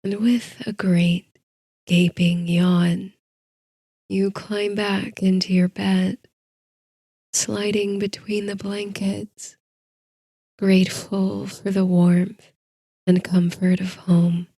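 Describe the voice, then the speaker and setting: A woman narrates a bedtime story very slowly, in a soft and soothing hush. Her voice sits on the low side and is mellow and slightly breathy. She leaves long pauses between short phrases, as a sleep story narrator does. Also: level tone, dry recording, studio quality. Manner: soft, hushed, soothing delivery with drawn-out pauses.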